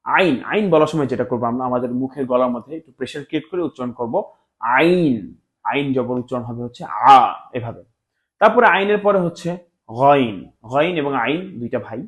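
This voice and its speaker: A man teaching Arabic letter pronunciation in a lesson, repeating each letter slowly and mixing in English words. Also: a little high. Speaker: Quran teacher.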